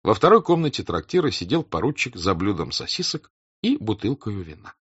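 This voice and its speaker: A man reading a classic novel aloud as an audiobook narrator, in a measured, expressive way. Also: fairly low pitch, husky, dry recording. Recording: dull dry close recording.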